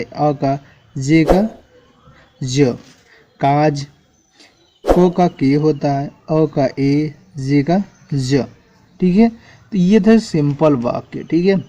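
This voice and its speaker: A man's voice: a little high, highs cut off, background noise. A man teaching an English spelling lesson at a board, spelling words out letter by letter and checking in with the class often.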